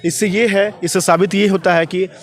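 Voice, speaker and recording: A man from Bengal giving a casual street interview as a festival visitor, speaking haltingly and circling back on his phrases. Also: high voice, steady tone. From Bengal, India.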